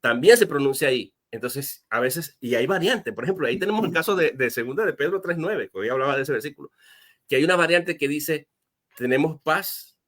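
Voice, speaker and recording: A pastor explaining a Bible question as an interview guest, earnest and step by step, with frequent fillers and restarts. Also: male voice, fairly high pitch, lively intonation, fast, a bit bright. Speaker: guest answering viewer questions.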